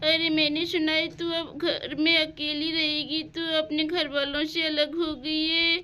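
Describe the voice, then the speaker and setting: A woman's voice: sits high, flat delivery, unhurried, sharp tone, a little hiss or hum. A woman voicing a gossipy girl friend in a doll-house cartoon story, talking wistfully. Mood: envious. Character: envious chatty girl friend Pinky.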